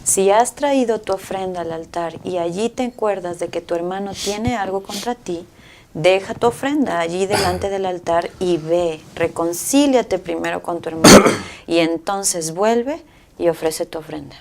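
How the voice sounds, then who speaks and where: A woman's voice: fairly low pitch, a little slow, darkish tone. A woman with a Mexican Spanish accent, a teacher reading a Bible passage aloud.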